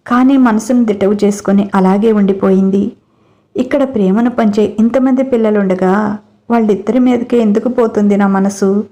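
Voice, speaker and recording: A woman narrating a family story as a scripted audiobook, telling it in a gentle, expressive way. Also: medium pitch.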